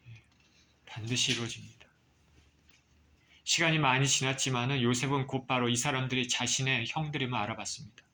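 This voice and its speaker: Korean pastor guy preaching, bright forceful voice, slow careful pauses, a bit of hiss behind. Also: mid-range voice. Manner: measured preaching, reading scripture aloud with pauses. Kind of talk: sermon.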